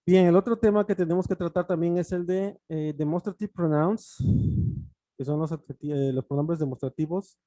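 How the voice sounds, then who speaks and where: Mellow-voiced teacher explaining patiently. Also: male voice, a little high, steady tone, normal speed, no room sound. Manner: patient explaining, with fillers and restarts. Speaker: English teacher. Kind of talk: online lesson.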